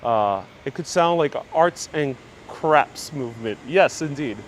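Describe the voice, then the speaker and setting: A man's voice: mid-range voice, animated, a little slow. A man giving a casual, chatty live walking tour, politely answering viewers, his voice slightly muffled through a mask. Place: outdoors, walking on city streets. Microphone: clip-on mic worn on the body. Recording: street noise, outdoor live stream. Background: street ambience, passing vehicles.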